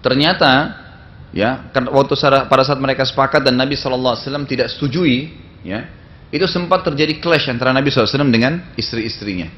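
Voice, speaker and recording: A man's voice: medium pitch, quick pace, muffled recording. A man giving a religious sermon, telling stories in a loose conversational way and often tagging his sentences with small fillers. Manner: conversational storytelling with frequent tag fillers. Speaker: Islamic preacher. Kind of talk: sermon lecture.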